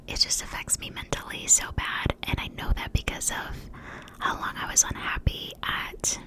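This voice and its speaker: Whispering young American woman, ASMR ramble. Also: poor audio. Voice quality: breathy whisper. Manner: rambling, repeats words slowly. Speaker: ASMR creator. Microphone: close mic for cupped whispering.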